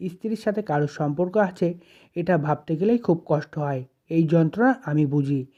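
A calm, self-sacrificing husband and elder brother, read by the story's narrator. The lines are gentle and reassuring in a mellow, dark tone. The lo-fi recording sounds dull. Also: male voice, on the high side, moderate pace.

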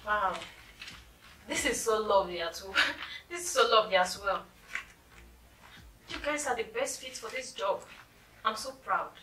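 A woman's voice: mid-range voice, expressive, moderate pace, pauses often, sharp tone. A young woman playing a sweet, apologetic secretary, gushing with praise. Her voice is distant in an echoey room with background noise. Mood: polite. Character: polite cheerful young female secretary. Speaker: company secretary. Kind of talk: skit acting. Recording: echoey room, mic far off, noisy.

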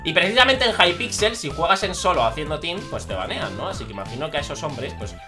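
Excitable young Spaniard shouting over gameplay. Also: male voice, fairly high pitch, quick pace, music in the background. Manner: excitable, bursts into shouts, self-mocking jokes. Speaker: gaming YouTuber. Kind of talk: live gameplay commentary.

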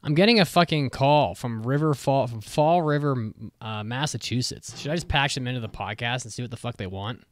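A man's voice: mid-range voice, a little fast, hardly any pauses. A man co-hosting a podcast, joking crudely and swearing in casual chat. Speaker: podcast co-host.

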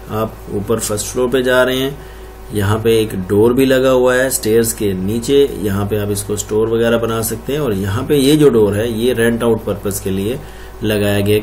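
A man from Pakistan narrates a screen-recorded floor plan tour in an explanatory, architect-like way, going through the rooms one at a time. His voice is lowish and a little mellow, with a bit of hiss or hum in the recording.

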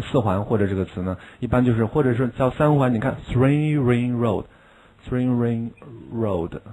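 A man teaching an English lesson in a recorded video class, explaining patiently with rhetorical questions and drilling each word by saying it slowly several times. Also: medium pitch, a little mellow, low-quality recording.

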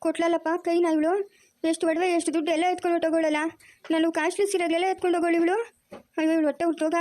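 A woman's voice: extremely high pitch, flat delivery, very fast, darkish tone, dry recording. A woman doing a frantic scolding cartoon grandmother. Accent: rural Chikkaballapur Kannada. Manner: scolding, wailing. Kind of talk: cartoon voice acting.

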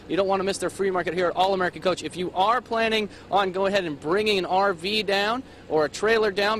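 A man's voice: sits high, fairly bright tone, a little hiss or hum. A young man reporting live for morning TV on an RV lot, holding a handheld mic and talking in an upbeat, chatty promo style. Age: young adult. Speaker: field reporter. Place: outdoors beside an RV on a sales lot, then inside the RV.

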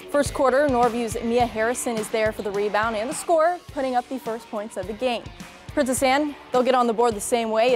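A young woman sports reporter narrating high school basketball highlights in a punchy, upbeat scripted delivery from a TV news studio.

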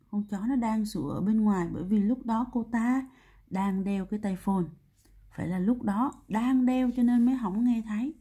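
A woman teacher works through an exam answer by answer, explaining each rule patiently. Her voice is warm and mellow, with a slightly husky edge. She keeps checking in with her students through frequent tag questions. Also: mid-range voice. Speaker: English teacher. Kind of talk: exam answer walkthrough lesson.

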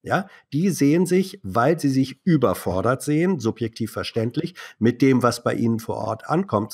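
Older husky guest, formal and measured. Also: male voice, mid-range voice. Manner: deliberate, formal phrasing with hesitations. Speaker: guest on a political podcast. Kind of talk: casual political discussion.

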